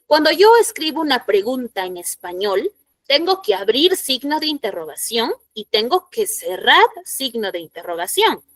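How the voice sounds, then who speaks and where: Teacher, female, high voice, dry close sound, questioning, explanatory. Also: sing-song, moderate pace, fairly bright tone, dry recording. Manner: explanatory, asks the class questions. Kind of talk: classroom lesson to students.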